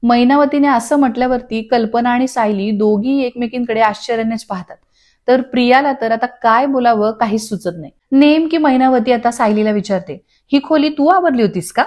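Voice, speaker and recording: A woman narrating a scripted voice-over recap of a TV serial, telling the scenes in a steady storytelling way. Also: fairly high pitch, normal speed. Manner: steady storytelling, reading dialogue aloud. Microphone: studio voice-over.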